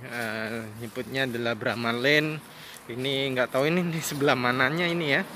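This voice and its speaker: A man's voice: mid-range voice, moderate pace. A man in his thirties chatting casually as he walks and films outside a stadium on a handheld phone, musing aloud with many fillers. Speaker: vlogger. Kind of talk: casual walking vlog. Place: outdoors by a stadium. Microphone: phone held at arm's length. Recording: noisy outdoor phone recording. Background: street ambience and passing cars.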